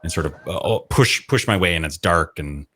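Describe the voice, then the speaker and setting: A man's voice: deep voice, fairly quick, a bit bright, husky. A man playing a tabletop game, casually improvising his actions in a rambling way, repeating words as he thinks. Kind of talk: casual improvised role-play narration.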